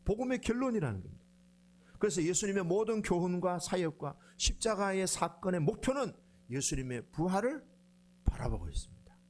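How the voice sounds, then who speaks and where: A man's voice: high-pitched, brisk. A middle-aged man preaching a sermon as pastor, telling stories and acting out quoted lines. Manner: animated storytelling, acts out quoted lines with dialect.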